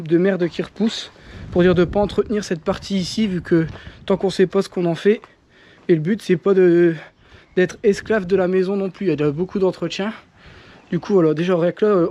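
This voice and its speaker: A man's voice: high voice, mellow. A man explaining his home renovation work outdoors in a casual, chatty way, with loose swearing. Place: outdoors at a rural property.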